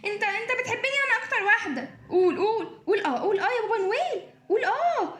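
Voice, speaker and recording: A woman's voice: very high-pitched, big pitch swings, fast, fairly bright tone, full character voice. A woman acting as a chatty, clingy talking Christmas tree in a children's play. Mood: clingy, teasing. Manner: chattering, pestering, giggly. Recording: echoey room.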